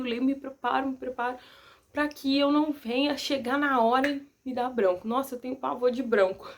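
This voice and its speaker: Soft-spoken high-voiced woman. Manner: soft-spoken, gentle and earnest. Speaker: vlogger. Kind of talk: casual advice to camera.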